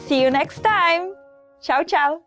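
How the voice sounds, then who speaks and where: A woman reading vocabulary words slowly and deliberately, repeating each one for learners. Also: very high voice, fairly bright tone, dry recording, faint music behind. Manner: slow, deliberate word repetition. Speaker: vocabulary reader. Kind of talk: slow vocabulary drill.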